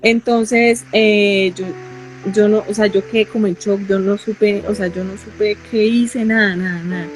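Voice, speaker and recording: A woman with a Colombian accent giving an emotional personal testimony in an interview, halting and repeating phrases as she goes. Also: medium pitch, steady tone, faint music behind. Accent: Colombian Spanish.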